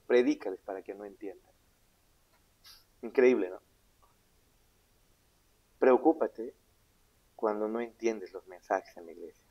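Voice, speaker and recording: A man preaching a sermon, asking the congregation questions and answering them himself, swinging between loud emphatic lines and low hushed asides. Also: dull audio. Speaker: pastor. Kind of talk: sermon Bible teaching.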